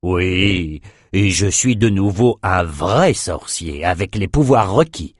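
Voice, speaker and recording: A man voicing a grave, weary wizard who speaks slowly and deliberately. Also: expressive, dry recording, clean studio sound, exaggerated voice. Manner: slow, low and deliberate.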